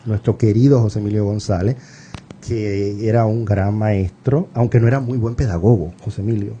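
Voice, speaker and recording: A middle-aged Puerto Rican man with a very dark, mellow voice talks as a guest on a radio interview. He reminisces warmly, with fillers and restarts, over a faint hiss. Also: lowish voice, steady tone, normal speed, muffled recording. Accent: Puerto Rican Spanish. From Puerto Rico. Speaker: writer and professor, radio guest.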